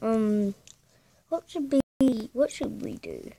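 A woman's voice: fairly high pitch, wildly swooping pitch, takes it slowly, noisy background. A young woman casually commentating her gameplay, thinking aloud hesitantly and humming to herself. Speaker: gamer.

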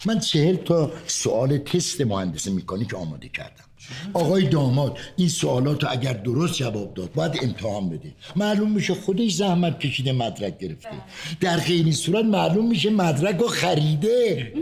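A man's voice: on the high side, very animated, darkish tone. An actor playing a fussy middle-aged father of the bride who talks in a formal, pedantic, interrogating way. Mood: smug. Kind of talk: sitcom acting.

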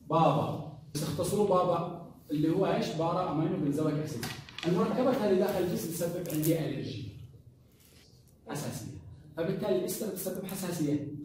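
A man giving a pharmacology lecture to a class, often quizzing the students with rhetorical questions and mixing English drug terms into his speech. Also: a little high. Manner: mixes English drug terms into colloquial Arabic. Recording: echoey classroom from a distant mic with faint noise.

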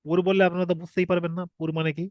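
A man's voice: high-pitched, level tone, very fast, no room sound, highs cut off. A man teaching an online class on the shapes and pronunciation of the alphabet, explaining patiently and repeating himself with rhetorical questions. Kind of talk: online recorded class lesson.

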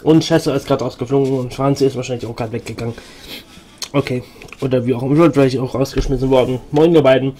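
A man's voice: medium pitch, steady tone, fast talker, warm tone, a little hiss or hum. A man streaming a role-playing game, chatting casually with many fillers and restarts and reading game text aloud.

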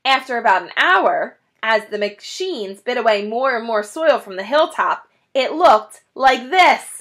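A woman in her thirties reading a children's book aloud in an animated, dramatic way. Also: a little high, a little slow. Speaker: children's story reader. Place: small indoor room, classroom-like decor.

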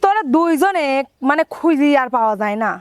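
A fussy village woman, played by a woman, chats and complains in a high voice. The recording is dry and close. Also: animated, brisk, no room sound. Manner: complaining, chatty. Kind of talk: rural comedy drama acting.

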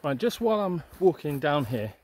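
On an open hillside, a young outdoor vlogger hikes and talks upbeat to a handheld camera held at arm's length, filling his casual chatter with fillers. His voice is fairly high and darkish, swinging widely in pitch at a moderate pace.

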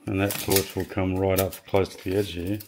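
A man casually walking through his workshop build, halting often with ums and restarts as he measures and explains. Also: deep voice, little pitch movement, background noise. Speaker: home builder showing his project. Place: home garage workshop.

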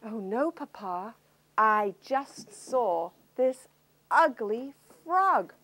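A woman's voice: on the high side, expressive, drawn-out words, a bit bright, dry recording, heavily acted, poor audio. A woman voicing a spoiled young princess who talks in a whiny, impatient, snippy way. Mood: complaining.

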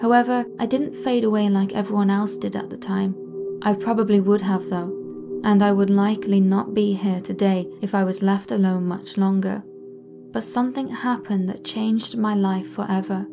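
Gravelly, flat-voiced woman narrating softly. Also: mid-range voice, music in the background. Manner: soft, slow and somber, dropping to a whisper at times. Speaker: channel narrator. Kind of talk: scripted narration of a true paranormal account.

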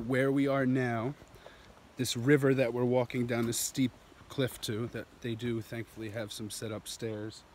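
A man's voice: medium pitch, little pitch movement, a little slow, a little mellow, slight background noise. A man in his thirties talking into a handheld phone while hiking down a steep jungle trail, enthusiastic and rambling, laughing often. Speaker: vlogger. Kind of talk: walking vlog narration. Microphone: phone camera held at arm's length.

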